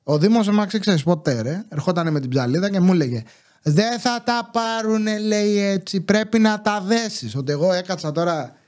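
A young man hosting a podcast, telling rambling, sarcastic stories about his neighbors in a casual monologue. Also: a little high. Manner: rambling, sarcastic, animated retelling. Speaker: podcast host.

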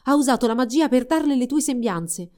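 A woman's voice: high voice, lively intonation, a little fast, darkish tone, voice pushed up. A woman reading as a pleading young prince. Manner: pleading, earnest.

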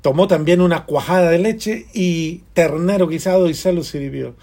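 A man preaching a fervent sermon, swinging between raised praise and hushed prayer. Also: fairly high pitch, normal speed. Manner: fervent, sways from loud to hushed. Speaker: radio preacher.

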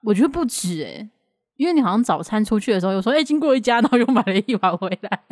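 A woman's voice: mid-range voice, animated, quick pace, a little mellow, dry recording, clean studio sound. Woman, podcast co-host, teasing, laughs a lot, casual chat. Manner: teasing, laughs often, steers the talk.

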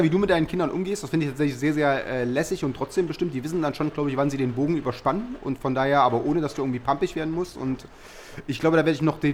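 Fast-talking man, joking podcast co-host. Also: a little high, slight background noise. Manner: quick, joking, many fillers. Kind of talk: casual chat.

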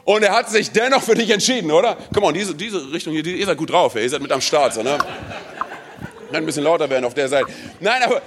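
Emphatic high-voiced preacher man from Romania. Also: animated, fast, breathy edge. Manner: emphatic, fills with "hey" and "ey"; speaks straight to the congregation with questions. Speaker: pastor. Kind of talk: sermon.

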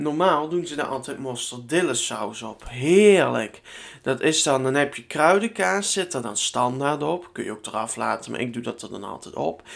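This is a young man from the Netherlands talking to his podcast listeners from his room at home. His mid-range voice has a gravelly, creaky edge. He rambles from one story to the next in easy chat and lets the odd swear word slip. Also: medium pitch. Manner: chatty and rambling, with casual swearing. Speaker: podcast host. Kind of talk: casual solo podcast chat.

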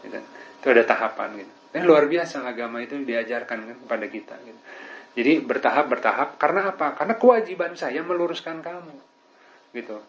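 A man's voice: medium pitch, quick pace. Man preaching, chatty. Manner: conversational, peppered with tag questions. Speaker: Islamic preacher. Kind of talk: casual religious lesson. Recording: dull lo-fi recording.

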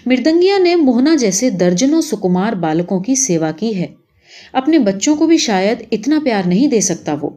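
A woman narrates a literary short story in a warm, mellow tone. Her reading is expressive, with a lively, wide-ranging melody. She steps briefly into the characters' voices as she goes. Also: fairly high pitch.

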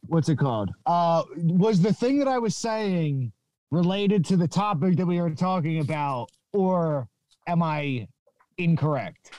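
A man's voice: a little high, lively intonation, measured pace, darkish tone, no room sound, lo-fi sound. A man co-hosting a podcast over a video call whose connection keeps breaking up, talking casually in rambling, hedging explanations. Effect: video call audio, connection breaking up. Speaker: podcast co-host. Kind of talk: casual chat. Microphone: mobile data connection on a video call.

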